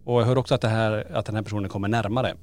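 A man hosting a podcast, telling and reading stories in a casual, animated way with frequent fillers. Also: on the low side. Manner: animated storyteller, many fillers. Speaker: podcast host. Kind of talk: casual storytelling chat.

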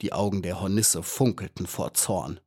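A man narrating a children's audiobook in a measured, even storytelling manner. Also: sits low, breathy edge. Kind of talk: scripted narration.

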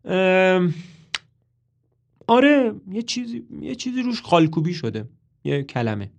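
A man voicing a frantic, hot-tempered young man who shouts angrily and panics. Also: on the high side, animated, highs cut off, voice pushed up, close to an everyday voice. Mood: stammering.

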